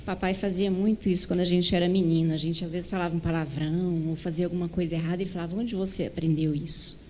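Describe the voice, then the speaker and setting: Calm woman speaking in church. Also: on the low side, rapid-fire, a little hiss or hum. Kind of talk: church testimony talk.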